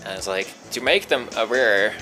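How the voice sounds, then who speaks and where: Man, halting, low voice, guitar music behind. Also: expressive, pushed and bright. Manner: halting, many fillers. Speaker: project participant.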